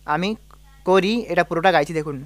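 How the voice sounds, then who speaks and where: A man teaching a devotional song on harmonium, singing note names and breaking words slowly into syllables. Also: on the high side, fairly even intonation, over loud music. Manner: sings sargam note names over the harmonium. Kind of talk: music lesson, singing and explaining notes. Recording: harmonium playing along.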